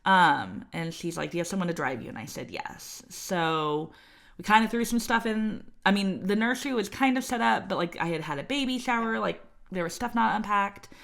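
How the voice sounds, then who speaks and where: A woman's voice: medium pitch, moderate pace, gravelly, a bit bright. A woman, chatting as podcast co-host and telling a personal story with lots of fillers and quoted voices. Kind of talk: casual chat, telling her birth story.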